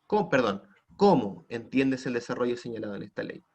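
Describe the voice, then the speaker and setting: A man's voice: medium pitch, expressive, a little fast, a little mellow, breathy edge. A man teaching an online class with a Chilean Spanish accent, prompting students with frequent tag questions. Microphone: computer mic on a video call.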